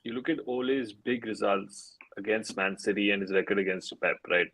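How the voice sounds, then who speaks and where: A man's voice: fairly low pitch, moderate pace, creaky, fairly bright tone, rough recording. A man co-hosting a football podcast in casual chat, insistently arguing his point. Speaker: podcast co-host.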